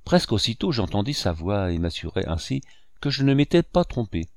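Low-voiced male audiobook narrator. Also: sing-song, darkish tone, no room sound, clean studio sound. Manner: measured, first-person storytelling. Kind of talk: scripted narration.

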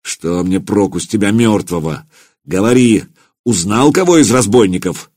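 A man voicing a cold, commanding old voivode in an audiobook, speaking in clipped, quietly menacing phrases. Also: lowish voice, animated, moderate pace. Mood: cold, stern. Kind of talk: audiobook character voice.

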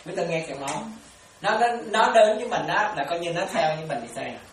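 A woman's voice: on the low side, animated, fast, slight background noise. Woman, preaching in an echoey room. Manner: repetitive, keeps checking whether listeners follow. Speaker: Buddhist teacher. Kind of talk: dharma talk. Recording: echoey room, distant mic, faint ambience.

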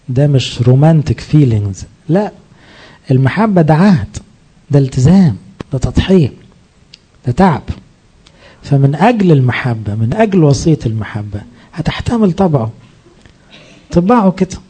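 A man's voice: a little high, dark tone, husky. A man with an Egyptian accent, a priest giving a sermon, explaining his points through rhetorical questions that he answers himself. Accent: Egyptian Arabic.

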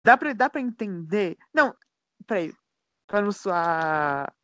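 A woman's voice: mid-range voice, lively intonation, takes it slowly, fairly bright tone, dry recording. Polite woman interviewer. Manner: polite, hedging questions. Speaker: podcast interviewer. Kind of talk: casual interview questions.

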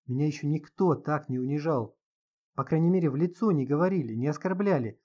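A man's voice: on the high side, fairly quick, highs cut off, natural voice. A man reading an audiobook, voicing a bitter, resentful young woman who talks in a sneering way.

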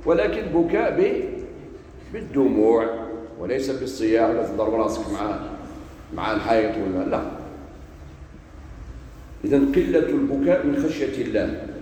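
A man preaching a sermon with an Algerian Arabic accent, shifting between loud emphasis and quiet asides. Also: mid-range voice, very animated, normal speed, long pauses, slight background noise. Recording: echoey hall from far off.

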